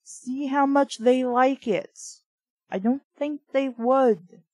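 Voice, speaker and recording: Reading a children's book aloud with her own commentary, this woman speaks slowly in a high-pitched, husky, slightly mellow voice. She keeps wandering off into snarky, chatty tangents. There's no echo on the recording.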